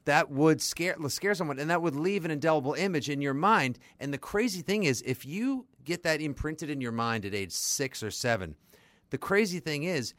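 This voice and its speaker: A man co-hosting a casual podcast chat, animated and profane, with quick asides. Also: a little high, no room sound. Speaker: podcast co-host.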